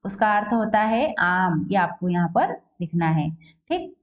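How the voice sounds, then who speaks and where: A woman teaching a children's class, asking questions and answering them herself, saying each word slowly and repeating it. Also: medium pitch, big pitch swings, muffled recording.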